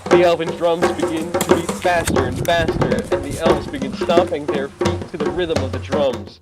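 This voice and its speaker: A man with a fairly high voice reads an AI-written adventure aloud in a playful way. Loud music plays behind him. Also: fairly even intonation, normal speed. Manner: playful, breaks into laughter. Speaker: player narrating. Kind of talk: reading an AI text adventure aloud.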